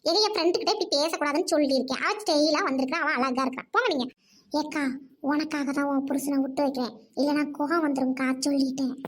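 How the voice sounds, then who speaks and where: A woman's voice: high-pitched, quick pace, close to an everyday voice. A woman voicing a bossy married woman in a cartoon, the bride's protective older friend, who gives orders and scolds. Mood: scolding. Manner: scolding, commanding. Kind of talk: cartoon voice acting.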